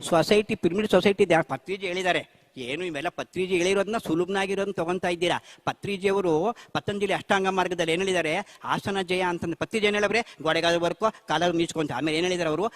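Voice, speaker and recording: A man's voice: high-pitched, fairly even intonation, fast talker. A middle-aged man gives a spiritual talk on meditation. He asks his audience questions and then answers them himself. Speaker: meditation teacher. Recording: long hall reverb.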